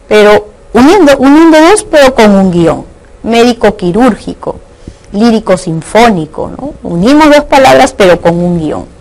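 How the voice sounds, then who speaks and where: A woman's voice: on the high side, low-quality recording. A woman from Peru teaching a recorded lesson on Spanish accent marks. She keeps asking rhetorical questions and checks in with her students as she goes.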